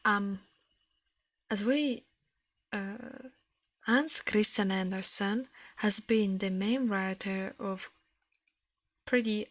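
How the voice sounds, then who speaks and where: On a gentle ASMR stream, a woman of medium pitch reads fables and chats in a hushed, breathy whisper right up against the microphone. Her phrasing is slightly non-native, and there's no room sound.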